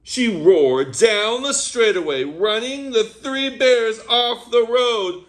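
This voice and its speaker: This man's pitch is extremely high and his delivery slow as he reads a picture book for a children's read-aloud. He tells the story with animation, pausing between pages to chat with the young audience.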